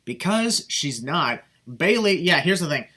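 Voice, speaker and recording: A young man talking through a casual podcast review, worked up and cursing freely. His voice sits a little high and comes out bright and forceful. He fills his sentences with ums and restarts. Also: sing-song, a little slow. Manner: heated, swears freely, many fillers. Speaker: podcast host.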